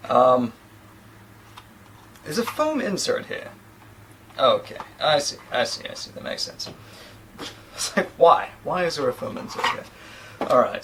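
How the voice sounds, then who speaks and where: In a small indoor room against a plain sheet, a New Zealand-accented tech reviewer in his thirties unboxes a gadget, rambling casually with self-mocking asides. A camera mic a few feet away records his mid-range, slightly bright voice along with faint background noise.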